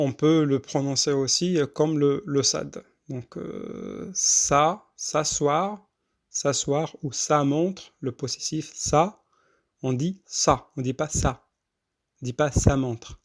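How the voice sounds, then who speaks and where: A man teaches correct Quran recitation at a measured, mid-pitched level. His explanations come in broken phrases full of hesitations. He slows right down to recite the verses, drawing out their long sounds. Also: vocal fry, darkish tone. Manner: halting explanations with many fillers, then slow drawn-out recitation. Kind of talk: tajwid lesson with recitation.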